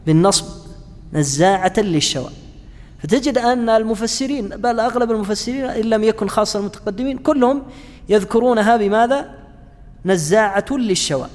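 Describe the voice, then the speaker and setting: A man teaching a class on Quranic interpretation, pausing often with fillers and restarts and asking his students questions. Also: high-pitched, darkish tone, in a large hall. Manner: halting, frequent fillers and restarts, chats with students. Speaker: Islamic studies lecturer.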